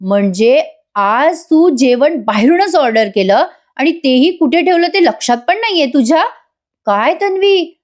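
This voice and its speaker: A woman's voice: high voice, animated, unhurried, pitched above the performer's own voice. A woman voicing a sarcastic young woman who taunts in a mocking way. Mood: taunting.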